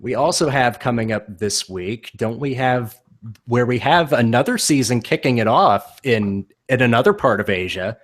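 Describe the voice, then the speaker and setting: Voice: mid-range voice, animated, moderate pace. A podcast co-host talking motorsport in a laid-back, slangy way and swearing casually. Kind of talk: casual chat.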